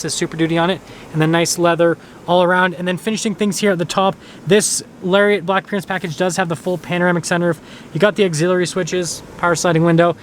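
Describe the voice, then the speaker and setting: A higher-pitched man rattles through the features of a pickup in a casual walkaround review. His delivery is brisk and upbeat, with a faint outdoor hum behind him. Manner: quick, upbeat feature rundown. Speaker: car reviewer. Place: outdoors and inside a truck.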